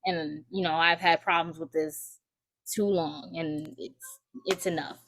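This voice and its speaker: A woman's voice: low-pitched, fairly even intonation, a little slow, fairly bright tone, slight background noise. A woman student giving earnest personal testimony at a community forum, with many fillers and restarts.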